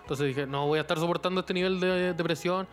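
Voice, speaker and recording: A young Chilean man talks in a quick, tumbling rush and fills his stories with slang, often laughing between them. His voice sits a little high for a man, with faint music underneath. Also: fairly even intonation. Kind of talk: casual chat.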